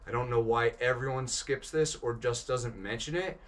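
A man methodically walking through a building under construction, outdoors at the site. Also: medium pitch. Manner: methodical, measured. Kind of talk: explanatory walkthrough.

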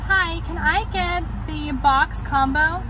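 A woman's voice: extremely high pitch, slow, noisy background. A woman vlogger in her car, placing a short, polite order at a drive-through. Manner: short, polite, upbeat requests.

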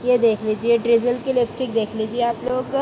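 On camera in a busy indoor market, a shopping vlogger with a Pakistani Urdu accent moves between stalls, chatty and enthusiastic, asking what things cost. Her voice is a little high and level, her pace fairly quick, and the audio sounds dull, with crowd and market noise behind her.

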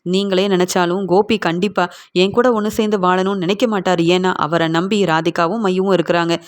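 A woman's voice: mid-range voice, a little mellow, close to an everyday voice. A woman voicing a defiant daughter-in-law. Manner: firm, reproachful, lecturing. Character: defiant middle-aged woman scolding her mother-in-law. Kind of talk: retelling a TV serial scene.

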